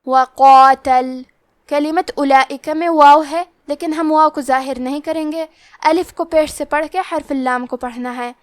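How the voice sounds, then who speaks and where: A woman with a high voice teaches the rules of Quran recitation in a calm, explanatory manner. She stops to recite each word slowly, drawing out every sound. The recording is dry, with no room echo. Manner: explains rules plainly, then recites words slowly and drawn out. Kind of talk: tajweed lesson with slow recitation.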